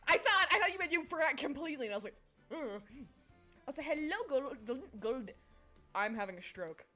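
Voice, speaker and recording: A young adult woman chats casually with her livestream viewers in a high, expressive voice, talking briskly with a sharp tone. She's giggly and scatterbrained, hopping from one topic to the next, with faint music playing behind her.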